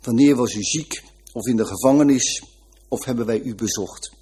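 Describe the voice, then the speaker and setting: Husky earnest man reading a story. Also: medium pitch, normal speed, dark tone.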